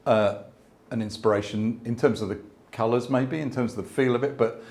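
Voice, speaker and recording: A man's voice: medium pitch, fairly even intonation, brisk, darkish tone. A man in his sixties, a landscape photographer, talking thoughtfully at an exhibition, with frequent restarts and asides. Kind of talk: conversational exhibition talk. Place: exhibition space before an audience.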